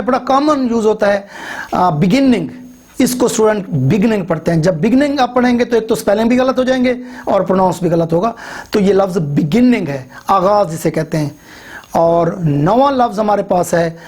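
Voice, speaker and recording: A man's voice: high voice, moderate pace, a little mellow. Man, middle-aged, English teacher, video lecture, spells words letter by letter, hesitant fillers.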